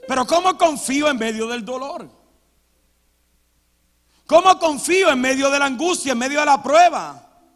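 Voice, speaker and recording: High-voiced pastor preaching. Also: male voice, moderate pace, pauses often. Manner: preaching with sudden loud dramatic outbursts. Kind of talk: sermon. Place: church sanctuary. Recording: long church hall reverb.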